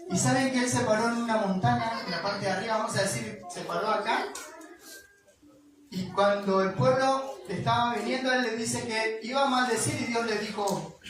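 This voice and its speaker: A woman's voice: a little high, moderate pace, noisy background. A woman with an Argentine accent preaching a sermon, retelling a scripture story in a casual way with chuckles and asides. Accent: Argentine Spanish. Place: church hall. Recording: echoey church hall, distant mic, congregation. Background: congregation answering amen.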